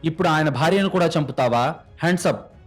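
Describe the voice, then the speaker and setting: A man voicing a stern police inspector who shouts commands, in a narrated crime story. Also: on the high side, quick pace, faint music behind, close to an everyday voice. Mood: commanding.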